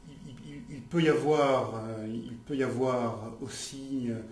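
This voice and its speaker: Slow, halting man in an echoey room. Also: medium pitch, fairly even intonation, a little mellow, a little hiss or hum. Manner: halting, repeats words. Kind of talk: interview answer.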